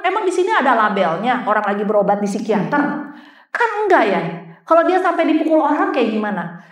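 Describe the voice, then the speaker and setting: A high-pitched woman speaks to an audience as a psychologist, animated and jokey as she acts out the people she quotes. Her voice rings in an echoey room and sits a little back from the mic. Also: distant mic. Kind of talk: seminar talk.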